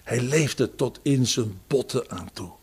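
A man preaching a sermon, quoting psalms and scripture, with raised emphasis that falls to quiet phrases. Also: mid-range voice, lively intonation, a little slow, husky.

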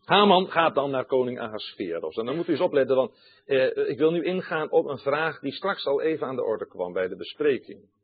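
A man's voice: mid-range voice, animated, fairly quick, slightly rough. A male preacher giving a sermon, emphatic, repeating key phrases and addressing his listeners directly, heard over a tinny, phone-like line.

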